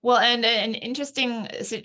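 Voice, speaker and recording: A woman's voice: on the high side, fairly even intonation, normal speed, sharp tone. A woman hosting an interview, conversational and friendly as she asks questions. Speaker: interview host. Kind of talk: casual interview chat.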